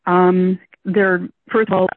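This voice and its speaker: An older community caller giving public comment over a phone line that breaks up with clipping and tapping, speaking haltingly with many fillers. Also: medium pitch, level tone, dry recording. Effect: breaking-up phone connection with clipping and tapping. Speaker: community caller at a board meeting. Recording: tinny, dry phone line.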